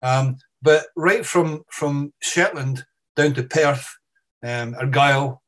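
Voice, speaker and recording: A man with a Scottish accent gives an online seminar over a video call. His voice sits at an ordinary middle pitch. He talks in a thoughtful, meandering way, restarting sentences and repeating words as he works through his points. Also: fairly even intonation, slow pace, a bit bright. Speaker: guest speaker, professor.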